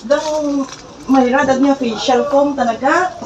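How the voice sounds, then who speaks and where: A woman's voice: high voice, steady tone, slow, over a noisy crowd, low-quality recording. A woman chatting casually and teasing while she vlogs, laughing often. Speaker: vlogger. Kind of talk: casual chat while shopping.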